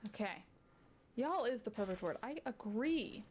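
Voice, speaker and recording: Over game music and a noisy background, a woman with a fairly high, lively voice talks a little slowly while hosting a game playthrough. Her casual chatter runs to rambling asides, broken by sudden startled yelps.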